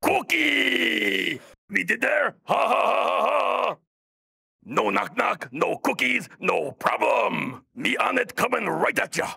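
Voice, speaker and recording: A greedy, childlike furry monster who craves cookies and mangles his grammar in a children's game. The voice sits high and sharp, full of gravelly rasp. It swings wildly up and down, unhurried, dry and close. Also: lively intonation, dry recording, exaggerated voice. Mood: excited. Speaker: in-game character.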